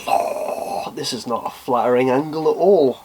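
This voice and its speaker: A man in his twenties, a YouTube host, answers viewer questions while chatting casually to camera, wry and self-deprecating. His mid-range voice is a little mellow and moves at normal speed. The recording is low quality with slight background noise.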